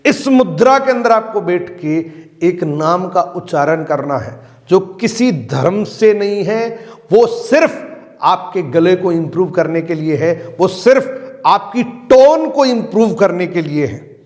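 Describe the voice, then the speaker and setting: High-voiced Hindi trainer in a reverberant hall. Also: male voice, expressive, slow pace, a little mellow. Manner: emphatic, repeats key phrases, acts out example lines. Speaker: network marketing trainer. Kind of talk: motivational training talk.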